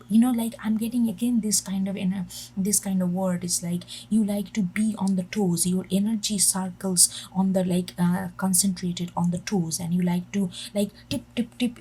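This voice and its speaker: Breathy, hushed woman giving a tarot reading. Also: medium pitch, rough recording. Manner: halting, with many restarts and soft half-whispered phrases. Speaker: tarot reader. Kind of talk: intuitive tarot reading to camera.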